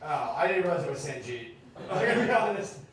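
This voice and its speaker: A man's voice: sits high, big pitch swings, brisk, a little hiss or hum. A man hosting a live comedy show, roasting the comics between sets in teasing banter. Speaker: show host and emcee. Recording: echoey club hall from far off with a loud crowd.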